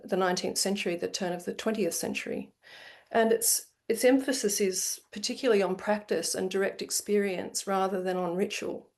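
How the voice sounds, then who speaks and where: A woman's voice: medium pitch, gravelly, darkish tone. A woman teaching meditation in an online session, talking conversationally with many fillers and restarts. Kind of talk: informal lecture.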